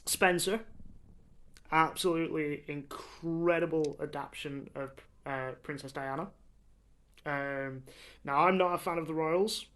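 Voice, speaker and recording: A man's voice: a little high, fairly even intonation, unhurried, fairly bright tone. A young man co-hosting a podcast, chatting casually and enthusiastically, rambling with lots of fillers. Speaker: podcast co-host. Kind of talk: casual chat.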